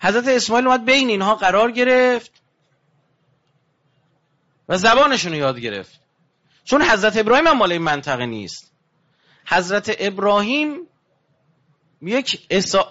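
A preacher delivers a religious lecture, animated and building with rising emphasis, then dropping low and hushed when he tells a story. The recording is dull and lo-fi.

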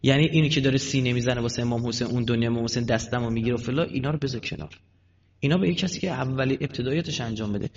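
A man preaching a sermon. He tells stories with animated delivery, swings from loud emphasis to hushed asides, and asks his listeners questions that he answers himself. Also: mid-range voice. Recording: dull lo-fi recording with long hall reverb and faint noise.

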